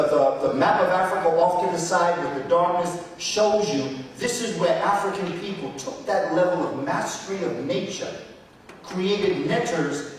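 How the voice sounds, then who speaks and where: A man's voice: sits high, slight background noise. A man giving a passionate, preacherly history lecture, emphatic and repeating words for effect, recorded from a distance in a large hall. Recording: echoey hall, recorded from afar.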